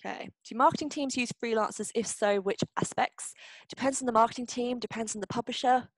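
A woman's voice: on the high side, brisk, no echo, rough recording. A young woman hosting a publishing workshop, reading out questions and answering them in a chatty way, with frequent ums and restarts. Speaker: publishing marketing workshop host.

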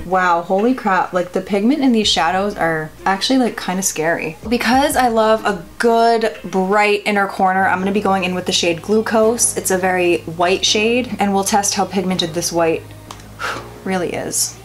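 A makeup vlogger in her 20s films a chatty tutorial in her home bedroom with music playing behind her. Giggly and tipsy, she rambles, swears, and pokes fun at herself, her mid-range voice at a moderate pace.

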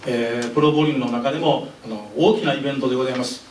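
Older man at a press conference, super formal, mid pitch, echoey and a bit far off. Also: fairly even intonation, very fast, soft background music. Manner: very polite and formal, with hesitant fillers. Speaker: professional bowling association head. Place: indoor press conference room. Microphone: desk microphone. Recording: roomy, mic a bit distant.

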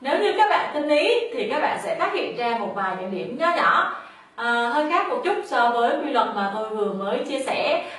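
A woman's voice: a little high, fairly bright tone, breathy edge. A woman whose first language is Vietnamese, giving a spoken lesson on Korean intonation and patiently explaining before reading example words aloud.

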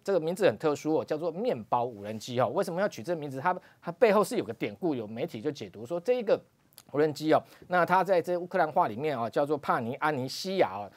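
Male TV pundit with a Taiwanese Mandarin accent, rapid-fire delivery, trailing "哦" particles, emphatic spikes of pitch. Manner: frequent "哦" particles, emphatic rises. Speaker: political commentator. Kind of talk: TV talk show analysis. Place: TV studio.

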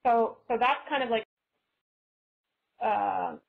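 A Canadian woman appears as a guest author in a relaxed, thoughtful webinar, speaking slowly in a rather high, creaky voice. She often restarts phrases as she thinks, and the video-call audio is slightly dull and lo-fi.

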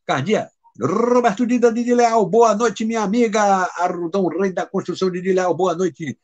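A man's voice: sits high, a little mellow. A man hosting a casual live stream, chatting with viewers, greeting them by name and reading their comments in a teasing, playful way. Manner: teasing and playful, quick to laugh.

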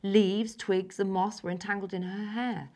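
A schoolgirl of about ten from England, reading aloud her own story with careful, even delivery and soft, breathy moments. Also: medium pitch, normal speed. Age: child, about 10. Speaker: young story author.

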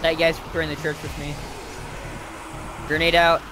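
High-voiced young man gaming over noise. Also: monotone, measured pace. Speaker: co-op game player. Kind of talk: casual gaming chatter. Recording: loud game noise behind voice. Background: video game ambience.

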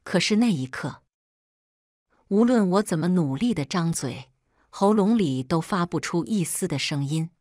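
A woman narrating a first-person story in a steady, somber scripted style. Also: fairly low pitch, a little slow, dry recording, studio quality.

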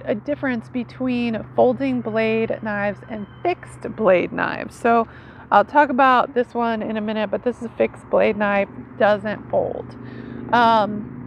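Knives are the topic as a woman in her forties gives a laid-back explainer to camera, teaching foraging gear in a leafy yard beneath a tree. Her slightly high voice stays conversational, often landing on "right?" to draw agreement. The sound is dull, with the outdoors audible behind her.

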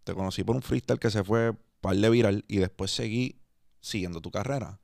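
Puerto rican man, low gravelly voice, laid-back slang with english words, dry close mic. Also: fairly quick, a little mellow, no room sound. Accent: Puerto Rican Spanish. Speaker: podcast host. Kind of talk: casual interview. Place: podcast studio.

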